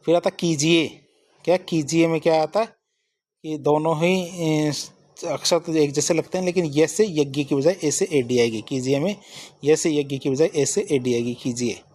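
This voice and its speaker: A man's voice: fairly high pitch, steady tone, normal speed, a little mellow. A man teaching a spelling lesson for exam students, asking each question and answering it himself. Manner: drills with repeated question-and-answer. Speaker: Hindi exam tutor.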